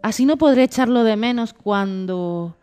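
A woman voicing Death as a calm, gentle female figure in a storybook reading. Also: fairly high pitch, clear, resonant tone, pitched above the performer's own voice, natural voice. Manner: calm, unhurried.

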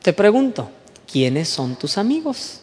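A man with a Mexican accent giving a storytelling talk, dropping to hushed asides and rising again, often checking in with short rhetorical questions. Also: sits high, a little slow, slightly rough, long reverb tail. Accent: Mexican Spanish. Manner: animated, swings between hushed asides and raised voice, rhetorical questions.

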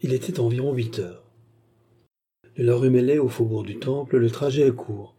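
A man's voice: medium pitch, moderate pace, mellow, breathy edge. A man steadily narrating a classic novel as an audiobook.

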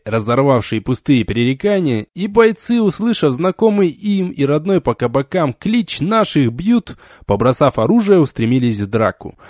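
A man reading an adventure novel aloud as an audiobook, in an expressive storytelling way. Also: on the high side, no room sound, studio quality. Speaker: audiobook reader. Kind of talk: audiobook narration.

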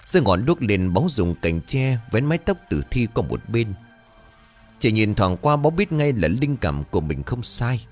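Expressive male ghost-story narrator. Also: fairly low pitch, moderate pace, faint music behind. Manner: expressive, dramatic.

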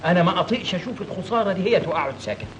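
An actor playing an insistent, scheming Egyptian factory manager, speaking Egyptian Arabic on a noisy old film soundtrack. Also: male voice, high-pitched, animated, rapid-fire.

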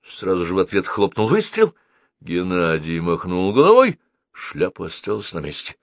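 Low-voiced, animated male narrator. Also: normal speed, dry recording, studio quality. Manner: expressive, animated reading. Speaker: audiobook narrator. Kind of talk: scripted narration.

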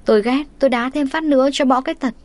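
A woman's voice: high voice, quick pace, darkish tone, dry recording. A woman reading a first-person story, wry and chatty in tone. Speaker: story narrator.

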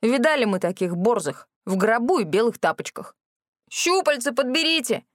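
A woman's voice: mid-range voice, lively intonation, brisk, dry recording, studio quality. Wry woman narrating an audiobook. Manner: wry, sarcastic storytelling. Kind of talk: first-person fantasy audiobook narration.

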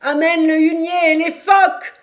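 A man's voice: high-pitched, moderate pace, lightly acted. A woman playing a firm young sea captain. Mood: shouting orders. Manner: commanding, firm.

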